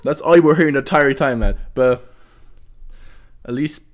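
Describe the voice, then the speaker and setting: A man's voice: medium pitch, moderate pace. A young man, chatting casually as a reaction vlogger and breaking into laughter often. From Germany. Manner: giggly, keeps breaking into laughter, swears casually.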